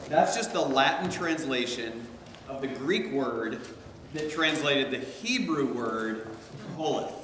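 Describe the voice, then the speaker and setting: A man's voice: medium pitch, slow pace, background noise. A man teaching a theology class in a casual, chatty way, wandering into stories. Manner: chatty, digressive, animated storytelling. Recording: echoey room with long reverb, faint ambience.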